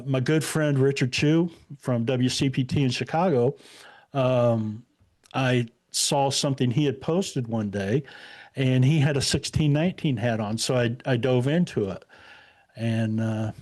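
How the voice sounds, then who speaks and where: Here a podcast guest, retired and in his sixties, from Indiana, has a mid-range voice with a darkish tone. During the casual interview he talks about himself in a relaxed, rambling manner, peppered with fillers.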